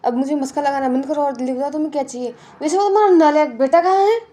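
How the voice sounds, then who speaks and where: Here is a woman playing a bossy, sharp-tongued spouse from a storybook drama, always scolding and giving orders. The voice is very high. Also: rapid-fire, lightly acted.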